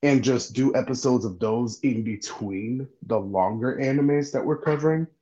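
A man's voice: medium pitch, moderate pace, dark tone, muffled recording. A man on a podcast as a guest, chatting in a friendly way with many ums and restarts. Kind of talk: casual podcast chat.

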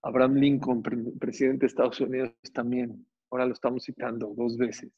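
A man preaching as a rabbi, emphatic and animated, with much repetition, on a dull lo-fi recording. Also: mid-range voice, a little fast, slightly rough. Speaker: rabbi teaching a Torah class. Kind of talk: sermon.

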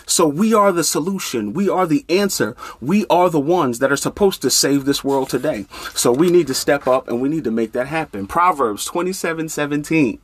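A man's voice: a little high, lively intonation, normal speed, few pauses, dry recording. A man preaching a sermon in a conversational, storytelling way.

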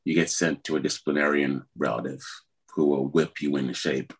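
A middle-aged Trinidadian man, a musician appearing as a guest, recounts his story in a conversational interview, wandering and hesitating with many fillers. He has a bass voice that moves briskly with fairly even intonation.

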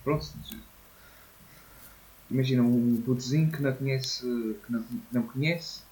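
Give the voice of a man in his twenties from Portugal, with a European Portuguese accent. He has a middling pitch and talks in a loose, slangy way, swearing casually as he chats on a podcast. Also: steady tone, moderate pace, a little mellow, poor audio. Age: 20s. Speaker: podcast co-host. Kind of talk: casual chat.

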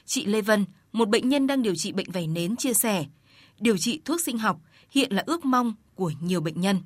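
A woman reporter reading scripted news narration in a steady, formal way. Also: mid-range voice, moderate pace, dry recording.

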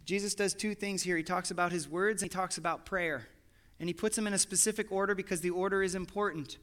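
Bright, high-voiced animated male pastor. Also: quick pace. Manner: animated storytelling, quotes his son and God in lively asides. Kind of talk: sermon.

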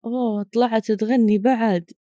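A woman's voice: a little high, steady tone, moderate pace. A woman hosting a podcast, commenting on clips in a mocking, exasperated way. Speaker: podcast host reacting to clips. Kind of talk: sarcastic commentary.

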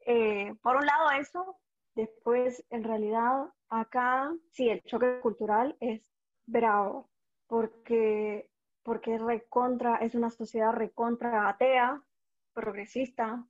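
Salvadoran lady chatting, kinda high voice, lively storyteller, muffled sound. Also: slow. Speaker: guest. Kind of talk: casual chat. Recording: dull lo-fi audio.

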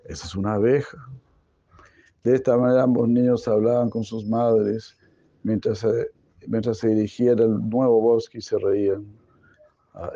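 A man's voice: lowish voice, mellow, dry recording, muffled recording. A man retelling a devotional story in class, digressive and joking, often correcting himself.

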